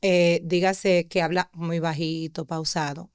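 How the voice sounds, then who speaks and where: A woman's voice: on the low side, little pitch movement, a little slow, clear, resonant tone, no room sound, studio quality. A woman hosting a podcast, agreeing with her guest and adding her own points in casual conversation. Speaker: podcast host.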